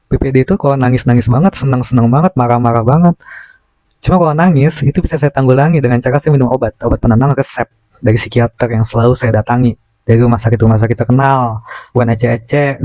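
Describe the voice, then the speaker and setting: A forty-year-old content creator talks casually and personally to his followers in a confessional chat, sometimes hard to follow. He has a speech impediment and cannot pronounce R properly. His mid-range voice is mellow, with no echo.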